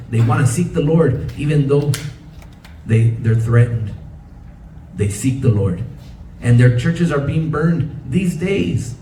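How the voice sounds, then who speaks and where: Preacher, dark and roomy. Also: male voice, medium pitch, slight background noise. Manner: preaching with repetition, switching between Spanish and English. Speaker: pastor. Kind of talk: bilingual sermon. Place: church sanctuary. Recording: roomy church sound from a distance.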